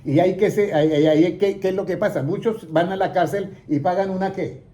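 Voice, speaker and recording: A man's voice: high voice, a little fast, dark tone. Man teaching Scripture through questions. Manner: asks questions and lets listeners finish his sentences. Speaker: Bible teacher. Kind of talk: interactive Bible lesson.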